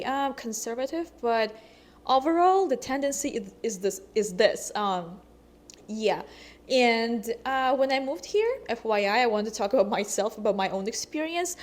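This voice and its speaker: A young woman from Russia, a vlogger chatting casually to camera, hesitant and full of ums. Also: a little high.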